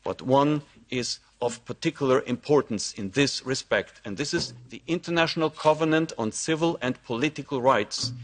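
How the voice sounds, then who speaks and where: A man's voice: medium pitch, normal speed, few pauses. Earnest man giving a rallying speech. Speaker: presenter of an initiative. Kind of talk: formal prepared speech.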